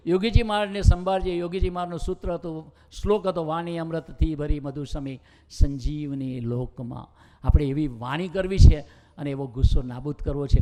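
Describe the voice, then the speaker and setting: A man with a Gujarati accent preaches a sermon in a high, mellow voice. He tells stories and voices the people in them. The sound rings with a long hall reverb. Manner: storytelling, acting out dialogue in quotes. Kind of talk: sermon with storytelling.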